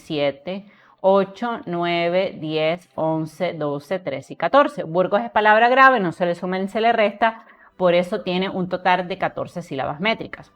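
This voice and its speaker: A woman teaching literature, explaining poetic meter and counting syllables aloud to her viewers. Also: mid-range voice. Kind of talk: recited poem, then lesson.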